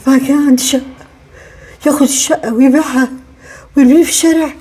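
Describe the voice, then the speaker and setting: An actress playing an older Egyptian mother who lament in shock and repeats herself, with a husky voice. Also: sits high, fairly even intonation, racing, warm tone, natural voice. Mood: panicked. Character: distraught older mother, betrayed and homeless. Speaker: mother evicted by her son. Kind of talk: web drama acting.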